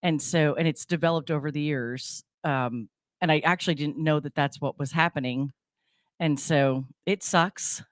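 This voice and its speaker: A middle-aged woman chats candidly on air in a fairly low voice. There is a faint wheeze through her nose as she talks. The sound is close and dry, and her style is casual and self-mocking. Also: normal speed, dry recording. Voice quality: slight nasal wheeze. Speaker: talk show co-host. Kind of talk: casual chatty on-air conversation.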